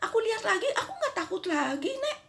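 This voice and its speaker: An older woman voicing a timid little child who laughs while talking, in a high squeaky voice. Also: sing-song, fast talker, gravelly, fairly bright tone, full character voice. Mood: giggly relief. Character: small timid child, giggly and wide-eyed.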